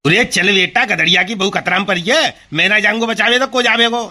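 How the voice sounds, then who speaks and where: A man's voice: sits high, fairly quick, bright, forceful tone, pitched below the performer's own voice. A performer voicing a swaggering village snake-catcher man who talks bossy and blustering in rural dialect.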